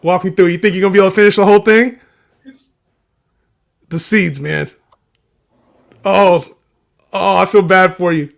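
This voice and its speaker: A man's voice: high voice, fairly even intonation, moderate pace, creaky, pauses often. A man co-hosting a casual sports betting livestream, laughing often and teasing his partner. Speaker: livestream co-host.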